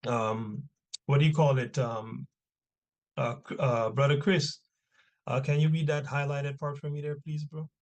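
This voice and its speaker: A man with a mid-pitched voice leads an informal class as its teacher. He reads from sources and comments on them emphatically. He keeps checking in with rhetorical questions and short tags. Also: little pitch movement, measured pace. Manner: emphatic, punctuates points with rhetorical questions and tags like 'right?' and 'man'. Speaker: teacher leading an online religious history class. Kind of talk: informal lecture, reading and commenting on texts.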